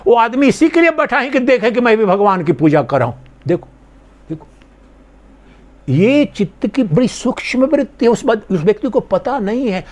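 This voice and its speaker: An older man gives a conversational spiritual discourse, his voice sitting noticeably high for a man. He speaks as a swami explaining scripture and now and then acts out imagined speakers in a lower, quieter voice. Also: very animated, moderate pace. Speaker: swami giving a Gita discourse.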